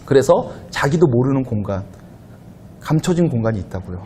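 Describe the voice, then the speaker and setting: A man pastor giving a conversational sermon to a young adult congregation in a church, at times growing louder and higher as he presses a point. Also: a little fast, a little hiss or hum. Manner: conversational preaching, rising loud and high when animated. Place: church sanctuary.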